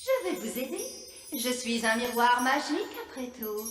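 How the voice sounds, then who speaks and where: A woman's voice: on the high side, big pitch swings, normal speed. A woman voicing a courteous, bluntly honest talking magic mirror in a cartoon. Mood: courteous, frank. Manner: polite, matter-of-fact bluntness. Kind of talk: cartoon voice acting. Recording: long echoing reverb, music behind.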